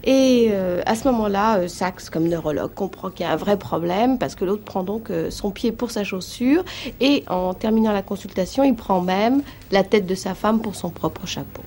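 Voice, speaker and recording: A woman telling a story on the radio, lively, with many fillers. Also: mid-range voice, moderate pace, a little hiss or hum. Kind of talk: anecdote storytelling.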